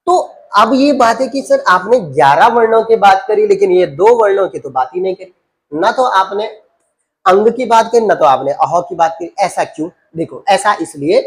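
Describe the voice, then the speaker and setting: Male Hindi grammar teacher quizzing students. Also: sits high. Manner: rhetorical questions, repeats key terms for students; addresses students as beta and babu.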